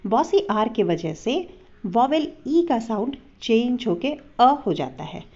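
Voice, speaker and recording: Female phonics teacher, slightly high and mellow voice, spells and sounds out words slowly. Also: sing-song. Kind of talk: slow explanatory phonics lesson. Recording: dull lo-fi recording.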